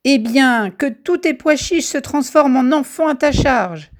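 A woman voicing an old beggar witch who shouts a spiteful curse. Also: high voice, animated, a little slow, voice pushed up.

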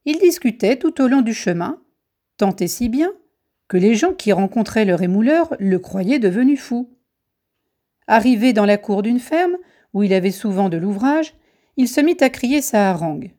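A woman narrating a folk tale in a gentle, measured way. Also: a little high, lively intonation. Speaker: storyteller.

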